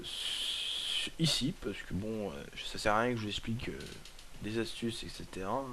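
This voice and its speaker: Hoarse man over noisy game sound. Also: mid-range voice, a bit bright. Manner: hesitant, halting, repeats himself. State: hoarse, sore throat from being sick. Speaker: gaming video presenter. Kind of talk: casual unscripted gameplay commentary. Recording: noisy, with game gunfire and clicks. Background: video game gunfire and clicks.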